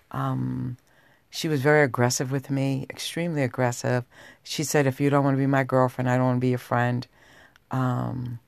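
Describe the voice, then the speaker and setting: A woman podcast host speaks in a sultry, low register with plenty of gravelly fry. She addresses her listeners directly in an unhurried, intimate monologue. The sound is dry, with no room around it. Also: darkish tone, no room sound. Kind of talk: personal talk podcast monologue.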